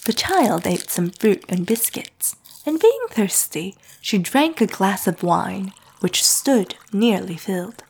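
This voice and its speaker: A woman narrating a classic novel in a soft, hushed reading voice. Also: mid-range voice, big pitch swings, slow pace, gravelly, hardly any pauses, slightly rough. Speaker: audiobook narrator.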